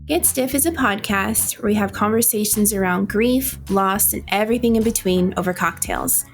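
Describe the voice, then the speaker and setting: A woman co-hosting a podcast, reading a guest introduction in a steady, scripted way. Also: medium pitch, normal speed, faint music behind. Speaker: podcast co-host.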